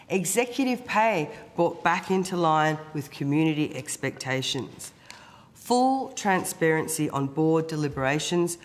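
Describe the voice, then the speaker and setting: Croaky froggy aussie union rep, hoarse, reading a formal statement, mid pitch, big echoey room. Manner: formal, emphatic. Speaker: union representative. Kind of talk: prepared opening statement to a parliamentary committee. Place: committee hearing room. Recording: echoey hearing room with long reverb.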